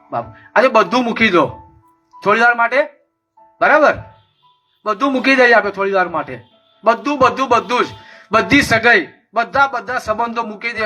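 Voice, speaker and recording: A man's voice: high-pitched, bright, forceful tone. A man preaching a sermon with a passionate, repetitive cadence.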